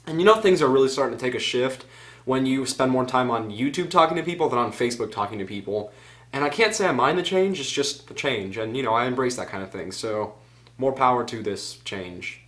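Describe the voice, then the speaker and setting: In a man's medium-pitched, fairly bright voice, fast-talking, a teenage boy vlogger rambles casually at home, drifting into tangents and mocking himself. It's recorded on the camera's own mic.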